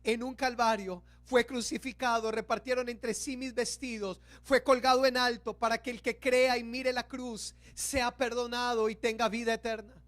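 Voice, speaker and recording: A man preaches an Easter sermon. He speaks with emphasis and slows down on key words. The sound is close and dry, with no room echo. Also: extremely high pitch, little pitch movement, fairly bright tone. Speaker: pastor.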